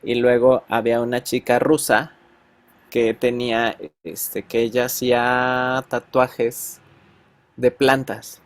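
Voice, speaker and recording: A man's voice: mid-range voice, flat delivery, slow pace, dry recording. A man with a Mexican accent, a teacher chatting casually with his students and telling slangy stories full of fillers.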